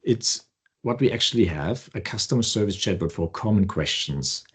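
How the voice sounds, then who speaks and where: A man co-hosting a podcast, casually walking through a software demo with loose, restarting phrasing. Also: lowish voice, moderate pace, slightly rough. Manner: relaxed, loose, restarts often. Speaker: co-host.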